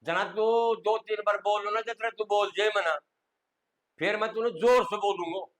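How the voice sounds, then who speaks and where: A man's voice: high-pitched, fairly even intonation, moderate pace, a bit bright, low-quality recording. A man with a Rajasthani accent voicing a sly, scheming village headman who lays out his plan in a bossy rant.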